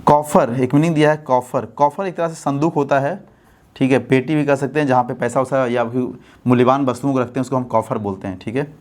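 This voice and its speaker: A man's voice: mid-range voice, steady tone, brisk, darkish tone. Indian man teaching exam English. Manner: explains step by step, asks students rhetorical checks. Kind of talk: exam-prep lesson explaining answers.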